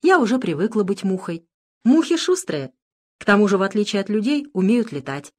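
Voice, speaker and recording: A woman's voice: mid-range voice, big pitch swings, a little fast, a little mellow. A woman reading the part of a cheerful teenage girl, speaking in a playful, smiling way.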